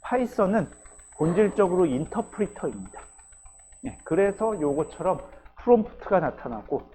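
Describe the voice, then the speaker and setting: His high, warm voice is very animated at a normal speed, captured in a low-quality recording. A male university lecturer, he teaches programming patiently step by step, often checking in with students through "ye" and "geujyo."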